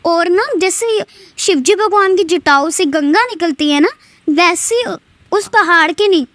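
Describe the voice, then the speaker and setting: A woman's voice: sits high, a bit bright, no echo. A young girl earnestly recounting a pilgrimage and school day, thanking her guru again and again. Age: child. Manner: earnest storytelling with devotional thanks; childlike, breathless retelling. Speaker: devotee sharing a testimony. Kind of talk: devotional testimony.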